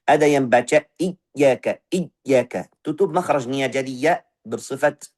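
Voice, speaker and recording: A man leads a Quran recitation lesson in a mid-pitched voice. He stretches syllables out slowly to model each sound. Then he plainly and patiently corrects common mistakes. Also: a little mellow.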